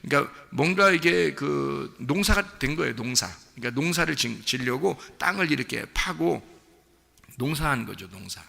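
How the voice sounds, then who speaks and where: Gravelly, bright-voiced male pastor preaching. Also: medium pitch, lively intonation, moderate pace, long reverb tail. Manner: conversational preaching, quizzing the congregation. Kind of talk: sermon. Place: church sanctuary.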